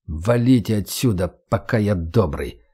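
A man voicing a wary, gruff adult knife-thrower who talks in low, clipped phrases. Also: moderate pace, mellow, lightly acted. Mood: menacing.

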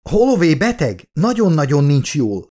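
A man's voice: mid-range voice, very animated, a little mellow. A man voicing a frightened, determined woman scientist in an audiobook, urgent and pleading. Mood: alarmed.

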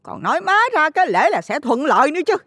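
A man voicing a loud-mouthed, hot-tempered middle-aged mother who scolds shrilly. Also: sits high, sing-song, normal speed, long reverb tail, voice pushed up. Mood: indignant.

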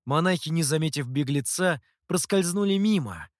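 An expressive male narrator reads a novel aloud. His voice is somewhat high, with a lively, animated melody. The recording is dry and close, with no room sound. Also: normal speed, no echo. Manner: expressive, storytelling. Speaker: audiobook narrator. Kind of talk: scripted narration.

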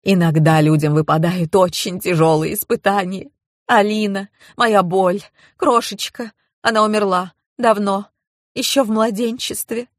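A woman's voice: fairly low pitch, moderate pace, no room sound, clean studio sound, natural voice. A woman voicing a middle-aged widow who is tearful and indignant, read in an audiobook. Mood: grieving. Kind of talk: audiobook character reading.

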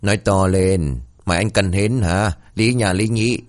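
A man's voice: low voice, unhurried. A man playing a brash, crude young ghost hunter who bosses and mocks. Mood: bossy. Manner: bossy, mocking, crude.

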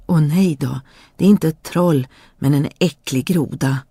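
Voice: mid-range voice, creaky, dark tone, slightly rough, no room sound, clean studio sound. A reader voicing a spoiled young princess who turns petulant or eager in a fairy tale reading. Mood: explaining. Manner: petulant, eager to please when she wants something. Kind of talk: storybook reading.

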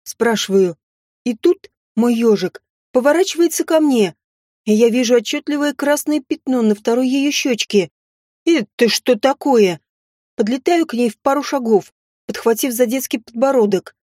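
A woman reading a first-person audiobook with acted dialogue, in an expressive, dramatic way. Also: fairly high pitch, moderate pace, dry recording, studio quality. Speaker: audiobook narrator.

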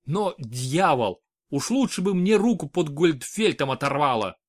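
A man's voice: fairly high pitch, lively intonation, a little slow. A man reading an audiobook, voicing a bitter, volatile young male prince-regent in a raised, tense voice. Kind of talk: audiobook character voice.

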